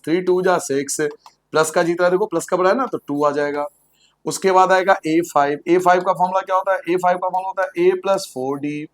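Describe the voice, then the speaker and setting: Teaching maths to a class, this high-voiced man talks through every step aloud, asking questions and then supplying the answers in a repetitive, sing-song style. His tone stays playful, with the occasional joke for the students.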